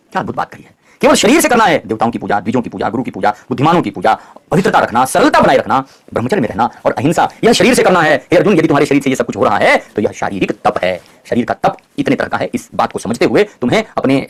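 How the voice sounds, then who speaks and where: A man's voice: fairly high pitch, breathy edge. A man giving a scripture commentary, reciting Sanskrit verses and then explaining them. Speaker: scripture teacher.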